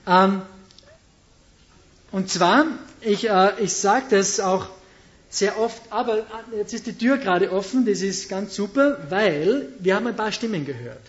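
A woman's voice: mid-range voice, unhurried, muffled recording. A woman preaching a sermon, questioning her audience and stressing her points emphatically.

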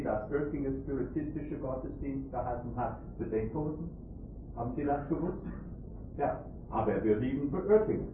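A man preaching a sermon with emphasis, quizzing his listeners with rhetorical questions in halting, ungrammatical phrasing. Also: mid-range voice. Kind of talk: sermon to a congregation. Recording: tinny phone-like lo-fi recording, faint hiss.

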